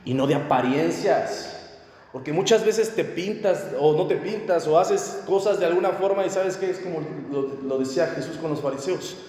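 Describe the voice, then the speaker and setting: High-voiced preacher in echoey hall. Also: male voice, moderate pace. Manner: animated, asks the audience questions. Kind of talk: sermon.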